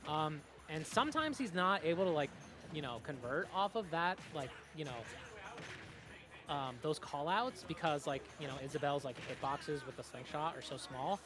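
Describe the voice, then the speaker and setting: A young man calls a fighting game tournament live, excitable and quick to react, with plenty of fillers between his reads of the action. His voice sits a little higher than most, and music plays behind the commentary. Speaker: esports commentator.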